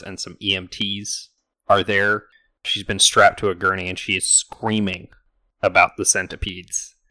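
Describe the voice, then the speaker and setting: A man's voice: on the low side, bright, forceful tone, no echo. A man narrating as game master in a tabletop role-playing game, laid-back and conversational.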